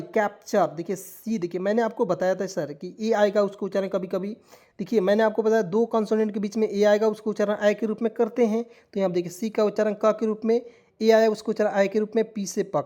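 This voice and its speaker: A man's voice: sits high, mellow. A man teaching a classroom-style lesson. He spells words out letter by letter, asks his listeners what they say, and answers himself in a patient, reassuring way. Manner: addresses listeners as friends again and again, patient and reassuring.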